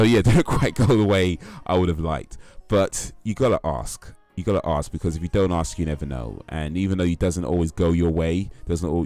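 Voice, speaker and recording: With an extremely low, warm voice, this livestream host chats casually with his viewers and reads out quiz statements. His talk is rambling and hesitant, packed with fillers and restarts.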